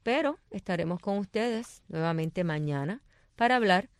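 A woman's voice: medium pitch, animated, normal speed, dry recording, clean studio sound. A woman co-hosting a talk show who murmurs agreement, reads a listener's message, and signs off. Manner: attentive, frequent agreeing murmurs. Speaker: co-host. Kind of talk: casual radio chat.

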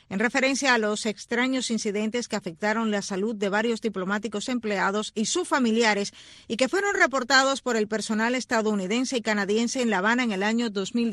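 A woman's voice: fairly high pitch, a bit bright, no echo, studio quality. A woman anchoring radio news, reading scripted items and handing over to colleagues.

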